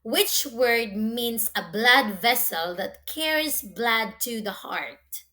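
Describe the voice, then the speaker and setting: A woman teacher giving a slow school dictation quiz, asking questions deliberately and confirming the answers with encouragement. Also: a little high, lively intonation, bright, forceful tone. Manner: slow, deliberate delivery, spelling words out letter by letter; encouraging, praising the listener.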